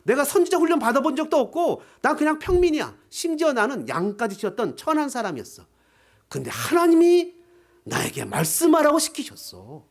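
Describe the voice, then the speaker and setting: A male preacher voicing an ancient shepherd prophet who answers calmly and firmly, owning his low birth. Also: a little fast, exaggerated voice.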